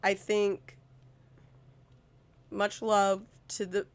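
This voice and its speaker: A woman's voice: medium pitch, monotone, drawn-out words, dry recording. A woman co-hosting a podcast in casual chat, earnest and thinking aloud. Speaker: podcast co-host.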